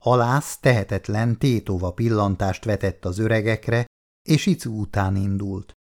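A man reading a novel aloud in measured narration. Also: on the low side, fairly even intonation, a little mellow. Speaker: reader.

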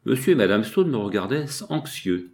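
A man narrates a classic novel in a measured, expressive way. His voice sits on the low side. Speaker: audiobook narrator. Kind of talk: literary audiobook narration.

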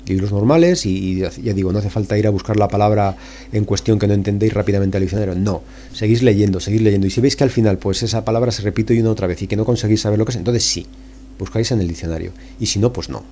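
Spanish guy from spain doing a casual solo podcast, warm voice, keeps repeating stuff to push you on. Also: fairly low pitch, fast, slight background noise. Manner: informal, coaxing, repeats words for emphasis. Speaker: podcast host.

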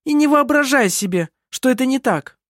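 A reader voicing an angry young woman who shouts accusations in an audiobook. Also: medium pitch, animated, fairly quick, no echo, studio quality, pitched above the performer's own voice, natural voice. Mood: furious. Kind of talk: audiobook character voice.

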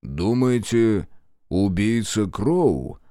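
A man reading a story aloud, voicing a cunning male detective who questions people slowly and slyly. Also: fairly low pitch, animated, dark tone, no echo, studio quality, heavily acted. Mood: menacing. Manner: probing, slow, sly.

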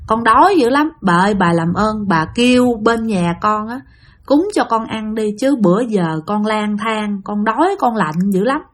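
A woman's voice: medium pitch, expressive, normal speed, close to an everyday voice. A woman voicing the ghost of a young woman who speaks through a possessed man, with a choked, slurred voice, pleading and whimpering. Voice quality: choked, slurred, as if throat crushed.

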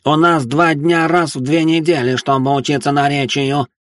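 A man voicing a loud, strict talking cat that yowls and lectures in a formal way. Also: steady tone, normal speed, dry recording, studio quality, lightly acted. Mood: scolding. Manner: shrill yowling, lecturing.

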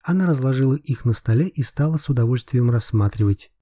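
A man narrating an audiobook in an even, unhurried storytelling manner. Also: medium pitch, no room sound. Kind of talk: scripted narration.

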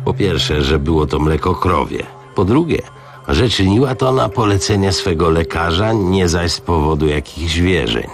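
A learned pathologist lecturing a policeman in a deep, measured voice, as a male radio reader voices him. His pitch rises and falls widely as he sets out each point. Faint music runs underneath. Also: expressive.

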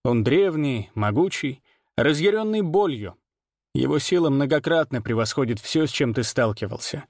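A man reading aloud and voicing an earnest, worried older mentor who speaks in measured, pleading tones. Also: medium pitch, lively intonation, dry recording, clean studio sound. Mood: grave.

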